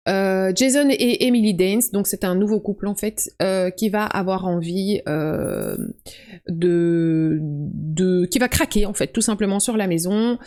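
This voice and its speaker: A woman's voice: medium pitch, a little mellow. A woman chatting casually at home about the books she wants to read, with many fillers and restarts. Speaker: booktuber.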